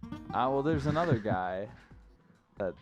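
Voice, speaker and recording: A man's voice: medium pitch, animated, takes it slowly, faint music behind. A male co-host chatting casually, rambling and hesitant with many restarts. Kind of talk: casual chat.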